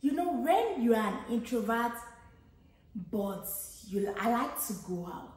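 A Nigerian woman in her thirties vlogs a casual get-to-know-me chat, thinking aloud and often restarting her sentences. Her accented voice is fairly high, very animated, unhurried and darkish in tone. The room is very echoey.

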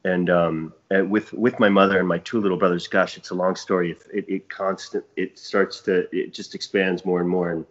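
A man's voice: low voice, steady tone, moderate pace, hardly any pauses. A middle-aged man from Chile, a podcast guest telling a long family story in a rambling way that keeps restarting itself. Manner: rambling, self-interrupting storyteller. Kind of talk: casual podcast conversation. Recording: dull lo-fi audio.

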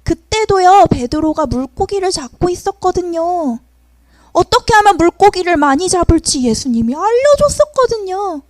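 A young woman tells a storytelling sermon for children in an animated, sing-song manner. Her voice is very high and swings widely. The recording is close and dry. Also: moderate pace, dry recording. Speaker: children's ministry preacher.

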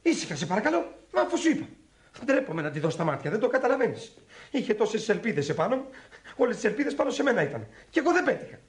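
A man's voice: high voice, very animated. An actor playing an earnest young man in a radio drama, agitated and accusing. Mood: ashamed.

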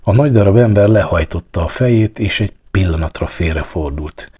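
A man narrating a written story in a calm, measured way. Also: low voice, slightly rough.

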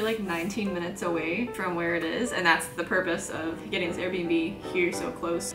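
A woman's voice: medium pitch, rough recording. A woman with a Midwestern accent, congested, chatting casually in a travel vlog and rambling with lots of fillers while filming herself on a phone. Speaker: travel vlogger. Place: car and around town.

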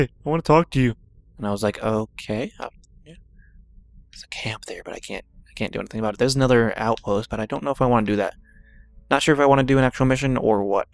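This gaming channel host, a man with a mid-range voice, keeps up relaxed self-talk while playing a video game, firing off quick bursts when things get exciting. The clip has no room sound.

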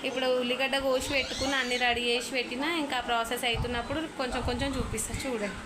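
A woman's voice: a little high, level tone, racing, noisy background. A woman, chatting casually to viewers while cooking in her home kitchen. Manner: chatty, talks straight to viewers. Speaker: family vlogger.

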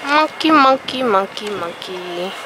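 A woman's voice: mid-range voice, expressive, takes it slowly, noisy background. A woman in her twenties chatting casually as a travel vlogger, filming herself at arm's length, playful and giggly. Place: outdoors walking streets and forest, and hotel room. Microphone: handheld camera at arm's length.

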